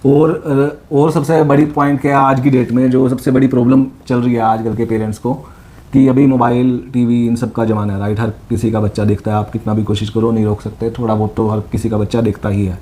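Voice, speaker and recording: A man's voice: medium pitch, level tone, a little fast, mellow. A man co-hosting a vlog, explaining parenting tips earnestly and often checking in with "right?". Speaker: co-host, father. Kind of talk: casual parenting advice chat.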